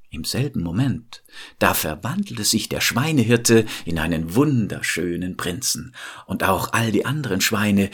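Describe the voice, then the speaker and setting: A man's voice: lowish voice, husky. A man telling a fairy tale aloud and speaking directly to his listeners. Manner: warm, addresses listeners directly. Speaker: storyteller.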